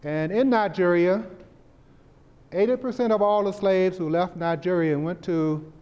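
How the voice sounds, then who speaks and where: A man's voice: sits high, moderate pace, a little mellow, clean tone. An older man standing and presenting upcoming festival events in a forthright, earnest way in a community center room. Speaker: event organizer. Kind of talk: public presentation. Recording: dull echoey hall recording.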